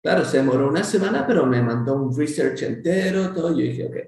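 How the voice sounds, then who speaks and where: A man from Chile, a guest consultant talking in a casual interview, animated and talkative. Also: fairly high pitch, brisk, echoey room. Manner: animated, talkative, many restarts. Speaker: guest, SAP SuccessFactors consultant.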